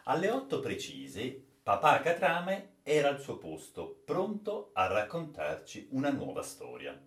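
A man reading a classic adventure story aloud as narrator, with measured storytelling delivery, in a roomy, echoey space. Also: mid-range voice. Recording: roomy echo.

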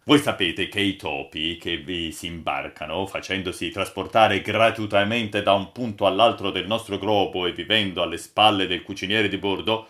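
A man voicing a gruff old ship's boatswain who spins yarns, booming and mock-stern, in an audiobook. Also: steady tone, moderate pace, few pauses, fairly bright tone. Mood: storytelling. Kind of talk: audiobook character voice.

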